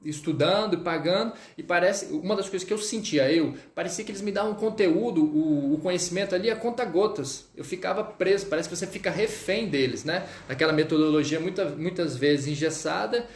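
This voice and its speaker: A man's voice: sits high, brisk, few pauses. A Brazilian man teaching French in a casual live stream, chatting with viewers and checking in often as he goes. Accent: Brazilian Portuguese. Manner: chatty, reads out viewer comments, frequent "tá?" check-ins. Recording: echoey room.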